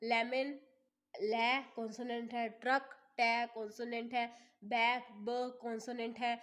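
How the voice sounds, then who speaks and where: Slow-reading Indian woman teaching English. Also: fairly high pitch, little pitch movement, fairly bright tone. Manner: slow, deliberate reading of examples, then quick explaining in Hindi. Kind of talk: classroom grammar lesson.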